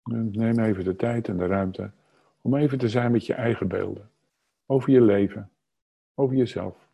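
A man leading a guided meditation, speaking calmly and unhurriedly in short phrases with long pauses and a husky, soft-edged voice. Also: fairly low pitch. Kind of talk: slow guided meditation narration.

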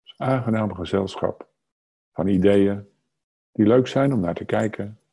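A man leading a guided meditation, speaking calmly and unhurriedly in short phrases with long pauses and a husky, soft-edged voice. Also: lowish voice. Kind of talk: slow guided meditation narration.

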